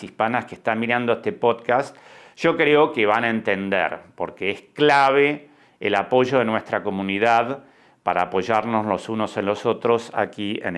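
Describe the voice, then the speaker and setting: Slow-speaking older Argentine man. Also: on the low side, fairly bright tone. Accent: Argentine Spanish. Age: 60s. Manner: slow, reflective, with frequent hesitations. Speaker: podcast host and documentary director. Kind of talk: personal podcast monologue.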